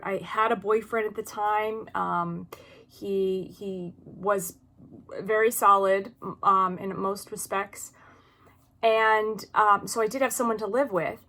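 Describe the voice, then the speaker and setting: Drawing on her own experience, an early-forties channel host gives casual advice with earnest emphasis. Her medium-pitched voice is bright with a forceful tone.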